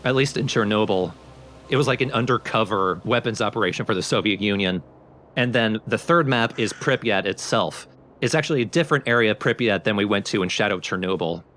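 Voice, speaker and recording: A man with a lowish, fairly bright voice talks briskly over game footage as a let's play commentator, explaining things casually step by step. Game music plays beneath him, and there's a little hiss or hum.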